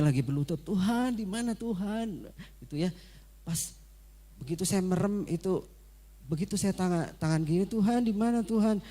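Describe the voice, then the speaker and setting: A man's voice: fairly high pitch, warm tone. A man giving an earnest, repetitive sermon testimony at a church service, often speaking directly to the congregation.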